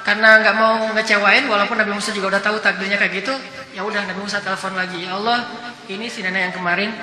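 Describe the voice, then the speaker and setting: A man giving a casual, lively sermon, telling stories and playfully acting out the dialogue. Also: high-pitched, quick pace. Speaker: preacher. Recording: echoey hall with music behind.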